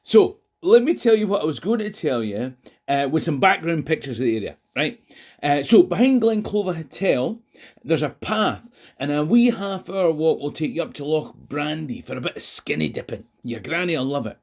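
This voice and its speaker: A Scottish man presents history travel stories to camera as a tour guide, wry and conversational. His voice sits on the high side with a darkish tone, expressive at normal speed, while traffic noise fills the noisy outdoor setting.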